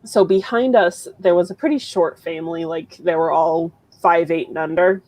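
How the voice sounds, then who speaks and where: A woman co-hosting a live writing stream tells anecdotes in casual chat, laughing often. Her voice is on the low side, with a darkish tone and a normal speed.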